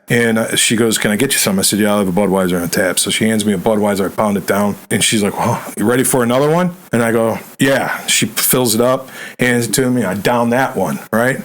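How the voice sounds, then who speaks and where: A man's voice: mid-range voice, poor audio. Man telling his sobriety story. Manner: storytelling, acts out quoted dialogue, fillers like "right?" and "man". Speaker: podcast guest. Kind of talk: personal testimony in a sit-down interview.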